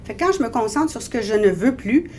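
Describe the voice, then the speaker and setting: A guest author in her forties with a Québécois French accent describes her experiences earnestly and reflectively in a radio interview. Her voice is fairly high, expressive and darkish, her pace quick, and there is a little hiss or hum in the audio.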